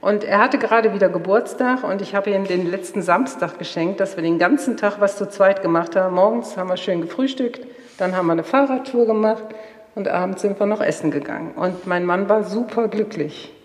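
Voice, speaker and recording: A woman's voice: medium pitch, fairly quick. A middle-aged woman telling stories from her marriage and family to an audience, acting out the quoted dialogue. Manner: lively storyteller, acts out quoted dialogue. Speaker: speaker sharing marriage stories. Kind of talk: storytelling talk to an audience. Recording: roomy hall with long reverb.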